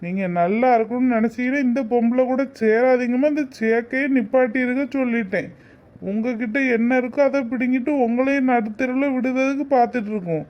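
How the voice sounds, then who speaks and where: Furious son in a cartoon, twang, kinda muffled lo-fi sound. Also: male voice, very high-pitched, fairly quick. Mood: angry. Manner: angry, resentful. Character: bitter young village man, disowning his mother.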